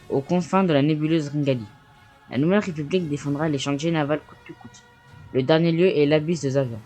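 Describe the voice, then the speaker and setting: A young man with a fairly high voice reads gaming news from his notes, pausing with fillers and tripping over foreign names. Faint music plays behind him throughout. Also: a little mellow. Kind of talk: reading a game news video.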